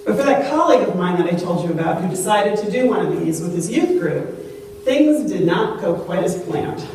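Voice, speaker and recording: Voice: mid-range voice, lively intonation, moderate pace, darkish tone. A pastor giving a sermon through a pulpit microphone in a church, telling a story in a conversational way and putting questions to the congregation. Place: church sanctuary. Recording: very echoey church, distant mic, faint hum.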